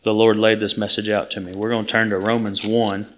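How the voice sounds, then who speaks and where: Delivering a sermon to his flock a little fast, a man speaks with a flat delivery in a slightly low voice. His manner is earnest and plain, and he often restarts sentences partway through.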